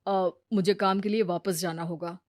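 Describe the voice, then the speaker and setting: A woman voicing a sensible grown man, a brother-in-law who talks patiently and gently lectures. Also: fairly low pitch, fairly even intonation, moderate pace, voice pushed down, lightly acted. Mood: calm.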